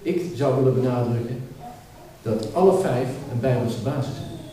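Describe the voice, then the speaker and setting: A man delivers a sermon with steady emphasis, circling back on his own words to drive a point home. His voice is mellow and dark. He is heard from well off the mic, in a large hall full of echo. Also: mid-range voice, normal speed. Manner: emphatic, repeats words while building a point. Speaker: preacher. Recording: echoey hall, speaker far from mic.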